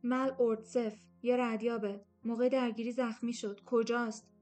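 A woman's voice: fairly high pitch, little pitch movement, darkish tone, faint music behind, close to an everyday voice. Scared young captive woman, voiced by a female reader, defiant but begging, natural and close. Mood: pleading. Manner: urgent, pleading.

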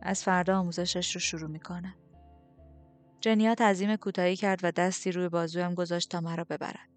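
A woman narrating a novel in the first person, with a steady, even storytelling delivery. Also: lowish voice. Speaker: audiobook narrator.

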